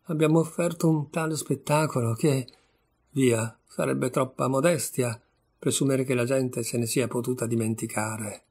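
Read by a man with a gravelly, husky voice, a disgraced young man talks with bitter, sardonic irony. Mid-pitched and worn, he mocks himself and everyone around him. Audiobook storytelling. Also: steady tone, normal speed, a little mellow. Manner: ironic, wry, bitter. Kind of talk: audiobook reading of a short story.

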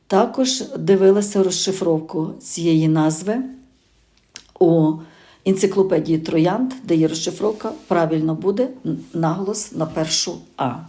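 Woman with a soft dark voice. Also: lowish voice, a little slow. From Ukraine. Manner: warm conversational, with hesitations and self-corrections. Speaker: gardening channel host. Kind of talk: casual spoken garden review.

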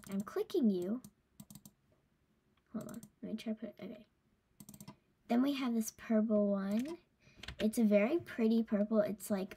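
A young woman who has just woken up, with a groggy voice, casually showing items in a game and often dropping to a soft half-whisper. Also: mid-range voice, vocal fry, slight background noise. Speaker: game video creator.

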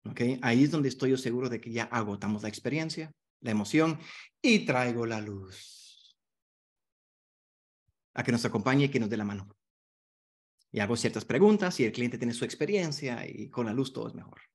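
A man's voice: medium pitch, lively intonation, moderate pace, pauses often. A man teaching a hypnotherapy masterclass online, in a conversational way that keeps checking in with the class. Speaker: hypnotherapy instructor.

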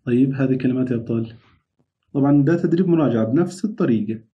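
A man teaching a remote English lesson to young children, repeating model words slowly and clearly. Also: medium pitch, lo-fi sound.

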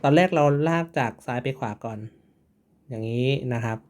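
A man's voice: medium pitch, normal speed. A man teaching a writing lesson, patiently repeating each syllable and stroke order. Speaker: Japanese teacher. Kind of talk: slow step-by-step writing lesson.

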